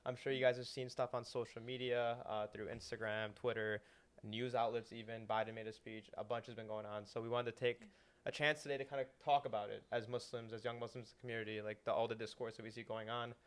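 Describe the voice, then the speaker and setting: A man's voice: mid-range voice, flat delivery, quick pace, clean tone. A young man hosting a casual podcast, welcoming guests and moving the talk along. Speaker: podcast host.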